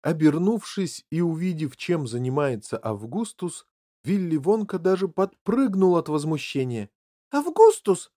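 A man narrating a children's audiobook in an expressive, measured way. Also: a little high, no echo, studio quality.

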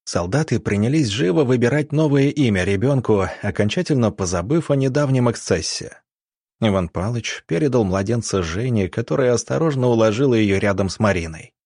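A man narrating an audiobook in a tense, measured storytelling manner. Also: mid-range voice, expressive, darkish tone, slightly rough, no room sound, clean studio sound.

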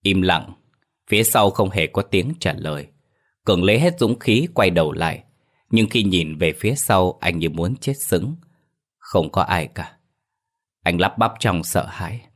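Deep-voiced male narrator, steady dramatic storytelling. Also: unhurried.

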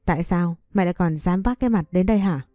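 A woman's voice: lowish voice, quick pace, mellow, no echo, clean studio sound, faint music behind, close to an everyday voice. A woman voicing a domineering older mother-in-law in an audio story, speaking with scolding contempt. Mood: scornful.

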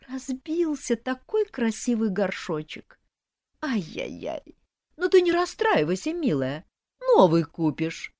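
A woman's voice: fairly high pitch, darkish tone, no echo, studio quality, pitched above the performer's own voice, heavily acted. A woman voicing a scheming snake-woman aunt who talks in a syrupy, hissing way in an audiobook.

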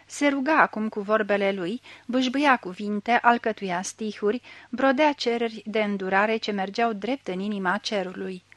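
A woman narrating a literary story in a measured, expressive reading voice. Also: mid-range voice, no echo. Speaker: audiobook reader.

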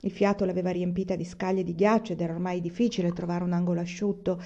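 A woman reading a novel aloud in a measured, even narration. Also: lowish voice, highs cut off. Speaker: audiobook reader.

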